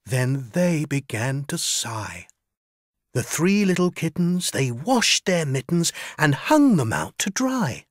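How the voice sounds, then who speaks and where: Lower-voiced woman reciting rhymes. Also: slow, no echo, clean studio sound. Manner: storytelling, expressive. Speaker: rhyme reader.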